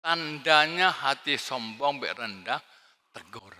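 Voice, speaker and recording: Male pastor, slow emphatic sermon, bright forceful voice. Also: medium pitch, lively intonation. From Indonesia. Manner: swings from shouting to quiet asides. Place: large church hall. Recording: long hall reverb.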